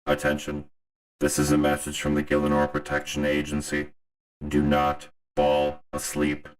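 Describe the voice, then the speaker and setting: A man voicing a grave emergency announcer who breaks in on a hijacked broadcast, speaking in a flat, slow, ominous monotone. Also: a bass voice, low-quality recording. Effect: hijacked broadcast interruption.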